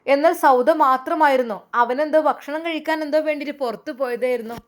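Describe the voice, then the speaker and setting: A woman's voice: high-pitched, fast. Malappuram woman narrating a story. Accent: Malappuram Malayalam.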